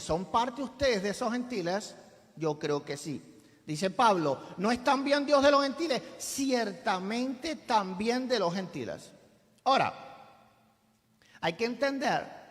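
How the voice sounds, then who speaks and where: A man preaching in a debate, pressing his audience with rhetorical questions. His voice sits high for a man, and it rings with the long reverb of a hall. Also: a bit bright.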